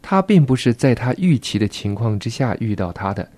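Relaxed male radio host, mellow tone. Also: mid-range voice, normal speed, no room sound. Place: radio studio.

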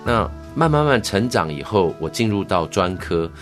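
A deep-voiced middle-aged man with a Taiwanese Mandarin accent, telling his own story as an interview guest. He speaks earnestly and gets animated, pushing his voice up for emphasis, with soft music faint underneath. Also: normal speed. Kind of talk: interview, recounting life story.

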